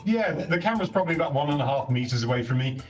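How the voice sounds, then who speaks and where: Racing along with lively intonation in a voice on the high side, a man chats over a voice call from home, moving between rooms. A console's built-in mic picks him up from across the room as he tests the feature as co-host, his voice carrying as he self-corrects mid-sentence and repeats "don't get me wrong." The audio sounds distant, mixed with game chat and music.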